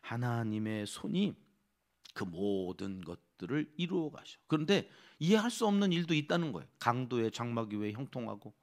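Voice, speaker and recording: A male pastor preaches an early-morning sermon in a church. He is lively and keeps putting questions to the congregation. His voice has a gravelly, creaky edge at an ordinary middle pitch. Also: moderate pace. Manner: animated, asks the congregation questions.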